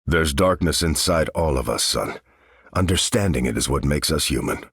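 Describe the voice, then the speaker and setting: Captain America, deep and earnest super-soldier. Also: male voice, moderate pace, a bit bright, breathy edge, no room sound, clean studio sound, heavily acted. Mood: steady, earnest. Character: noble, steadfast veteran male super-soldier leading his team. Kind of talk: video game character voice lines.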